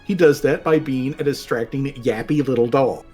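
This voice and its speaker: A man running a tabletop role-playing game as game master, narrating in a casual, halting and rambling way. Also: medium pitch, a little mellow. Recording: music playing behind the voice. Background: background music.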